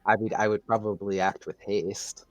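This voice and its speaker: A man playing in a tabletop game, quick and playful. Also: fairly low pitch, level tone, highs cut off. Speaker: player.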